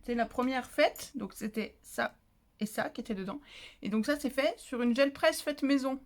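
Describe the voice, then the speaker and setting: A woman's voice: sits high, moderate pace. A woman vlogging casually as she opens craft mail at home, chatty and easily moved, full of exclamations. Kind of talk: casual chat while opening mail.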